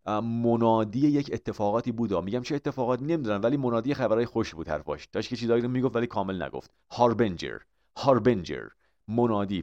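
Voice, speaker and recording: A low-voiced man with a Persian accent works through a vocabulary lesson. He explains each word patiently, posing questions to his listeners and answering them himself. The recording is muffled and lo-fi. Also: a little mellow. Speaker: English vocabulary teacher.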